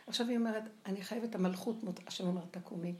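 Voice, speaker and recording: An older woman giving a lively spoken religious lecture, acting out the voices she quotes. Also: mid-range voice. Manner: animated, acts out quoted voices. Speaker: religious teacher. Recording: echoey room with faint noise.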